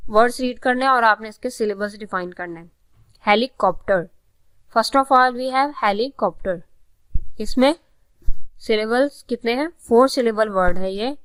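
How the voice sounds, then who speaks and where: Woman, Pakistani accent, teacher, patient explaining, higher pitch, dry recording. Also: fairly bright tone, no echo. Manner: patient, repeats words slowly and explains twice. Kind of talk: classroom lesson explaining vocabulary.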